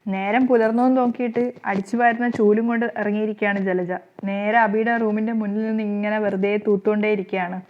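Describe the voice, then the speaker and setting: A woman storyteller retelling a serial drama in rapid, animated narration. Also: mid-range voice. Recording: slightly muffled lo-fi recording.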